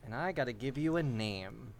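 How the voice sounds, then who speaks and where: Man running a tabletop game, laid-back, slow narration, mid pitch. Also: creaky, slight background noise. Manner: relaxed, laughing, slow deliberate narration. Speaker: game master.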